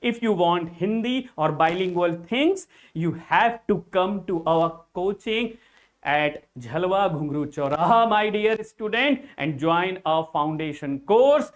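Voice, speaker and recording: A man's voice: high-pitched, expressive, slow. A man with an Indian English accent teaching an exam-prep English lesson, repeating key points and addressing his students directly.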